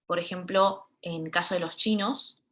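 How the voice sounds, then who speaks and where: A woman's voice: fairly low pitch, steady tone, measured pace, a bit bright. A woman in her twenties from Buenos Aires with a Rioplatense accent, giving an earnest lecture talk in short, emphatic phrases. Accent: Rioplatense Spanish. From Buenos Aires, Argentina. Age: 20s. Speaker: panel speaker.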